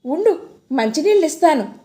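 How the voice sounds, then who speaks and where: A woman voicing a gentle, caring middle-aged mother in an audio story. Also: high voice, big pitch swings, normal speed, pitched above the performer's own voice. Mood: concerned.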